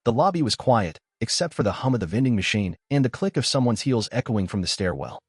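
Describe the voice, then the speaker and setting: Husky young male storyteller. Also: medium pitch, animated, fast, no echo, clean studio sound. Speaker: narrator. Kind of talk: first-person story narration.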